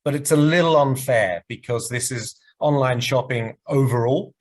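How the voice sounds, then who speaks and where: A man giving a business presentation and answering questions over a video call, speaking in a measured, explanatory way while losing his voice. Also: mid-range voice, rough recording. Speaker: presenter at a market research webinar.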